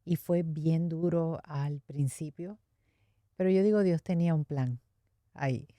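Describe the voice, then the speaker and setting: A woman's voice: sits low, unhurried, warm tone, no echo. A middle-aged Puerto Rican woman with a Puerto Rican accent, telling her life story in a candid, reflective way during an interview. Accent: Puerto Rican Spanish. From Puerto Rico. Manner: candid, reflective, laughs now and then. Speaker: interview guest. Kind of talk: personal testimony in conversation.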